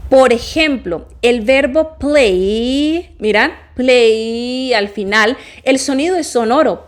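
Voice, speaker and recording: A young adult woman, teaching English grammar and pronunciation in a lively, explanatory way, answering her own questions. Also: a little high. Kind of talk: Spanish-language English lesson.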